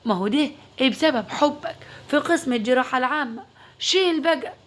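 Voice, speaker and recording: A joking young cousin trades light, teasing banter in a spoken family story, as a woman storyteller voices him. His speech is high in pitch. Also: lively intonation, fairly quick.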